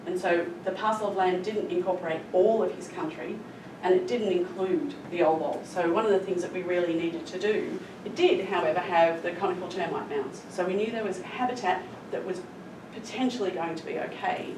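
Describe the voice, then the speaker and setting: A middle-aged woman, a conservation scientist, gives an explanatory public presentation in a lowish voice, talking a little fast with few pauses. She tells the story earnestly and emphatically, stressing her adverbs, captured by a distant mic in an echoey room with clear background noise.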